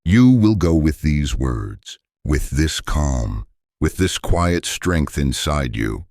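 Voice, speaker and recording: A man giving a calm repeat-after-me English lesson, speaking gently and deliberately in a soothing tone. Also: a bass voice, no echo, clean studio sound. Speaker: English teacher.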